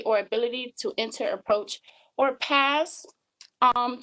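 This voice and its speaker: A woman's voice: a little high, bright, forceful tone, poor audio. A woman in her twenties giving a webinar presentation over slides, earnest and full of filler ums. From Georgia, US. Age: 20s.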